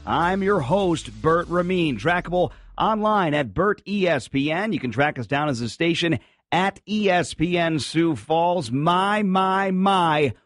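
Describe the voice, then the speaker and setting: A man hosting a sports radio show in an emphatic delivery, his voice hoarse from cheering. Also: fairly high pitch, expressive, measured pace, fairly bright tone, no room sound, clean studio sound, soft background music. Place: radio studio.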